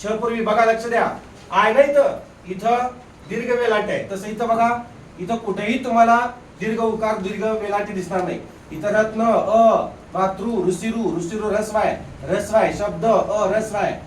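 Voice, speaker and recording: Man, high-pitched, classroom grammar teacher, questioning and coaxing, roomy distant recording. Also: fairly even intonation, normal speed, a little hiss or hum. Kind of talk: classroom lecture.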